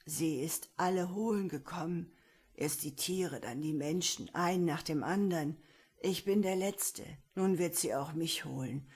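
A woman voicing a frightened, hoarse old village man who stammers and speaks in hushed tones. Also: sits low, measured pace, exaggerated voice. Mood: ominous. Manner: stammering, pleading, then hushed.

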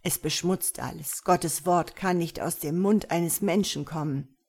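A woman's voice: fairly low pitch, unhurried, creaky, a little mellow, breathy edge, full character voice. A woman playing a desperate old monsignor. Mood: pleading. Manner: agitated, pleading, near tears. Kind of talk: audiobook character reading.

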